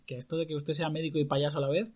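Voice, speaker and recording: A man's voice: a little high, little pitch movement, rapid-fire, a little mellow, natural voice. A man voicing a worried king who doubts the strange doctor, in a story told aloud. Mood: doubtful. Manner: doubtful, questioning.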